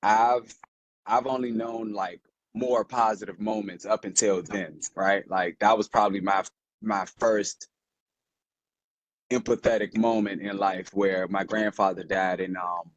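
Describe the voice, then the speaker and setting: Young man, lowish voice, dry close sound, telling a personal story in a loose, rambling way. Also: steady tone, measured pace, no room sound, highs cut off. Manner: rambling, heartfelt storytelling with many fillers. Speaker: podcast co-host. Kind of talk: casual conversation.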